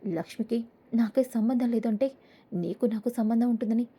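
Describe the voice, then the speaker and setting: A woman's voice: fairly high pitch, moderate pace, warm tone, breathy edge. A woman reading the lines of a bitter, stubborn young husband while recapping a serial episode.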